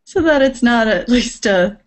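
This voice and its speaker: Designer: unhurried woman, high-ish voice, thinking aloud with "um"s. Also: animated. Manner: measured, explaining with frequent "um"s and light laughs. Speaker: sewing pattern designer. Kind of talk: casual video chat.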